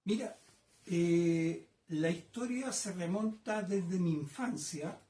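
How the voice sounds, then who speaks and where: A man's voice: high voice, takes it slowly, dark tone. An older man in his sixties with a Chilean accent shares his life story as an artist. He speaks reflectively, hesitating often and tossing in little tag questions. His voice carries the echo of a roomy home workshop. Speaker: painter being interviewed. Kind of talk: casual reminiscing interview.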